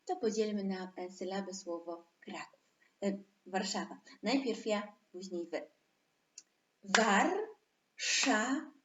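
A woman's voice: mid-range voice, steady tone, a little mellow, a little hiss or hum. A woman teaching an online lesson to young children, stretching out words for them to repeat. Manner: slow, drawn-out syllables for children to repeat. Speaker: preschool teacher. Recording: echoey room.

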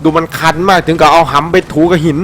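Excitable, fairly high-voiced male game commentator. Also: fast. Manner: animated and playful, with frequent shouted exclamations and crude slang. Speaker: gameplay commentator. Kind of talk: excited let's-play commentary. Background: faint game music.

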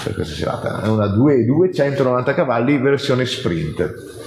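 A middle-aged man as a car salesman, explaining features in an informal, rambling infomercial sales pitch. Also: very animated, moderate pace, creaky. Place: large indoor car showroom. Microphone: phone camera a few steps away. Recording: echoey hall, background noise.

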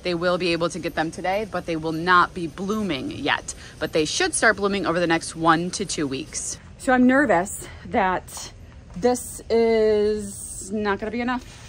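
A chatty American woman in her thirties talks through a walkthrough of her plant nursery, full of ums and quick restarts. Her voice sits a little low, recorded on a phone held at arm's length inside a big greenhouse, with faint ambient noise behind her. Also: a bit bright. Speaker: flower farmer and nursery owner. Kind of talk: casual vlog walkthrough. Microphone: handheld phone at arm's length.

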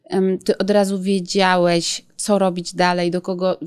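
A young woman hosting an interview, asking attentive questions with soft laughs. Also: lowish voice, level tone, a little slow, smooth. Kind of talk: interview conversation.

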